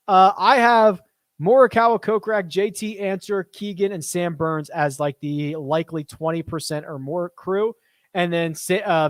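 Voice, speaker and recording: A man's voice: high voice, no echo. A man hosting a casual live stream, reading viewer questions aloud and answering off the cuff at his desk.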